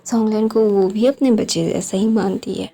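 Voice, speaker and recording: Mellow woman rambling through a story retelling. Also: mid-range voice, steady tone, normal speed, slightly rough. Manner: rambling, with many fillers and English words mixed in. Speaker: storyteller, channel host.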